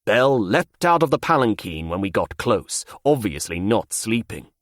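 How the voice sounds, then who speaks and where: Male audiobook narrator, first-person fantasy, measured and low, dry studio sound. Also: sing-song, no room sound.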